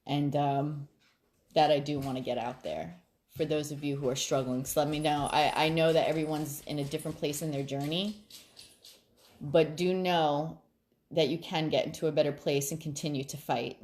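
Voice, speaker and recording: Late at night, a deep-voiced middle-aged woman records a casual vlog, chatting and laughing easily. Later she settles into a calm, reflective tone to offer advice to those watching.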